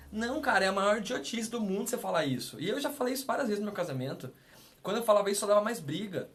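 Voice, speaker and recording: A man in his thirties, a pastor, telling stories in a casual, direct chat. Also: a little high. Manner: storytelling, animated and direct.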